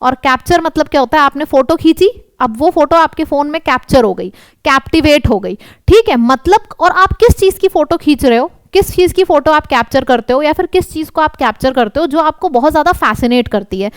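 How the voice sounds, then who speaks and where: A woman with an Indian accent teaching English vocabulary for exams, lively and quizzing her students. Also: high voice, a little fast, dry recording. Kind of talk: exam vocabulary lesson.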